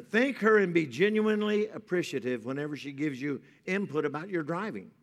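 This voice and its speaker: A man's voice: on the high side, lively intonation, normal speed. An American man preaching a sermon at a pulpit microphone in a folksy way, repeating phrases for emphasis in a reverberant church hall. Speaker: pastor preaching to a congregation. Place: large indoor church hall.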